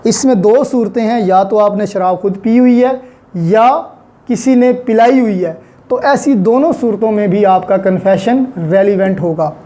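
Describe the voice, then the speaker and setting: His voice sits high, mellow and unhurried, with a Pakistani accent. The man lectures on law in an explanatory, teacherly manner, restating key points and using English words along the way.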